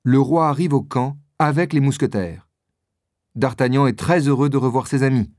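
A man reading a story aloud as narrator, in slow, clearly articulated scripted audiobook narration. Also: mid-range voice, a little mellow, no echo. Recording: dry close studio voice.

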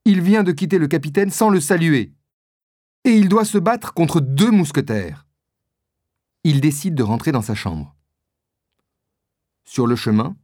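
A man narrates a storybook in a clear, deliberate way. His voice is fairly high and moves with lively pitch. The recording is dry and close. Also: no echo. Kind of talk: storybook reading for learners.

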